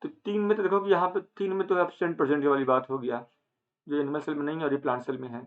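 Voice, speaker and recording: A man teaching an online lecture, asking questions and answering them himself, with English terms mixed in and some phrases drawn out slowly. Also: a little high, fairly even intonation. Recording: phone-like narrow band.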